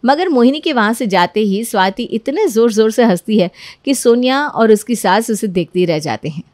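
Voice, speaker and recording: A woman narrates a cartoon story from a script. Her voice is high and her delivery is even and steady. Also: normal speed, no room sound, clean studio sound.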